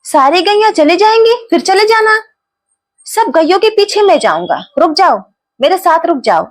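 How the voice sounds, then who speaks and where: A woman's voice: very high-pitched, very animated, normal speed. A woman voicing a small cowherd boy who coaxingly urges an old man to stop in a devotional story. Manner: coaxing, repeatedly urging someone to stop.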